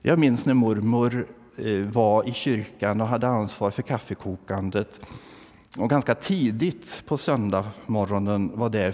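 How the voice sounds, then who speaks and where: This preacher, from southern Värmland in Sweden, delivers a humorous church sermon full of wry storytelling and questions for the congregation. He has a lowish, darkish voice, and the sound carries the feel of a big room.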